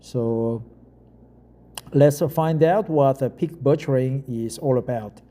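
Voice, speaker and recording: In a casual setting, a middle-aged Korean man reads an article aloud in English with a Korean accent, his speech halting and full of fillers and restarts. He is not a native speaker, and his voice is medium in pitch and dark in tone.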